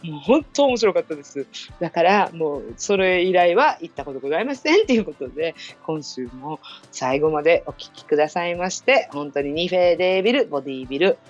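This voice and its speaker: Woman host, lowish voice, lively swings, chatty storyteller, dull lo-fi recording. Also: brisk. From Okinawa. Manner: chatty, storytelling, laughs at herself. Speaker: radio show host. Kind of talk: casual solo podcast talk. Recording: dull lo-fi sound with faint music.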